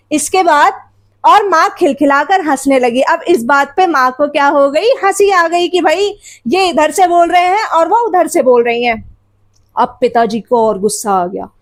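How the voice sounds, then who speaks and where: A woman teacher with a high voice walks her students through a textbook story. She explains word meanings again and again and keeps asking rhetorical questions. She often addresses the children directly.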